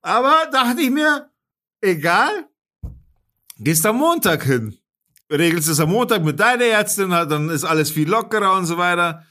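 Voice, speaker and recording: A man's voice: high-pitched, lively intonation, moderate pace, sharp tone. A man, a podcast host telling a story in casual, slangy chat and swearing freely.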